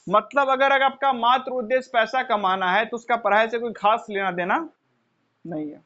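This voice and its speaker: High-voiced man lecturing with rhetorical questions. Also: fairly even intonation, moderate pace, sharp tone. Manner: asks rhetorical questions and answers them himself; addresses listeners as children. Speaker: teacher. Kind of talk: motivational classroom lecture. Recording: dull lo-fi recording.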